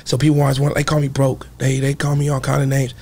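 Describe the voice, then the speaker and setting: A young man from Kansas talking candidly as a guest in a podcast studio, with halting restarts. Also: mid-range voice, monotone, darkish tone, husky. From Kansas, USA. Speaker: guest artist. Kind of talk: casual interview talk. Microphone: studio mic on boom arm.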